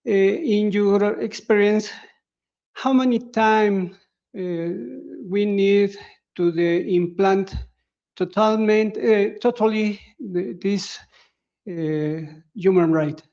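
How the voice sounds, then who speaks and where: Hesitant woman moderator, dark voice. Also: medium pitch, slow, muffled recording. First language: Spanish. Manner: hesitant, many fillers. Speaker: event moderator. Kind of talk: halting question in second language.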